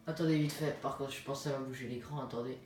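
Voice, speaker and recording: A man rambles through a relaxed let's play, correcting himself mid-sentence and chatting to his viewers. His voice sits in the middle range and is caught by a phone some distance away, so the room rings around him and a faint hiss sits underneath. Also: mid-range voice, quick pace, heavy reverb. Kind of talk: casual gameplay commentary. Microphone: phone filming the screen.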